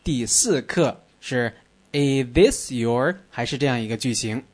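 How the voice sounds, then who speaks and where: A man teaching an English lesson on the radio, drilling words clearly and patiently. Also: mid-range voice, expressive, unhurried.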